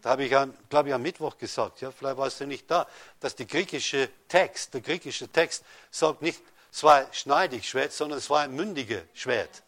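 In a medium-pitched voice and at a normal speed, a pastor delivers a sermon aimed directly at his listeners. He leans on rhetorical questions, his volume rising loudly and then dropping soft.

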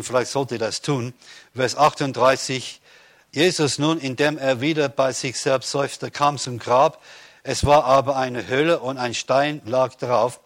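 A fervent male preacher delivering a sermon, his voice pitched right in the middle for a man. He builds from quiet reflection into loud, rousing proclamations, punctuated by Amens and Hallelujahs.

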